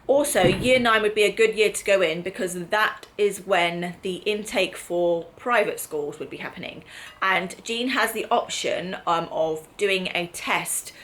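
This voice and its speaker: A woman's voice: medium pitch, measured pace, fairly bright tone, slight background noise, poor audio. A middle-aged woman with an English accent chatting casually as she hosts a family vlog, explaining things and checking in with tag questions. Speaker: mother hosting a family vlog. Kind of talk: casual chat.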